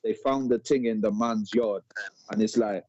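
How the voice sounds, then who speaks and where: A man's voice: lowish voice, fairly even intonation, normal speed, darkish tone, dry recording. A man telling a story in street slang on a live-stream debate, repeating words as he goes. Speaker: panel guest. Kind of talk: casual debate chat. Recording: dull lo-fi live stream audio.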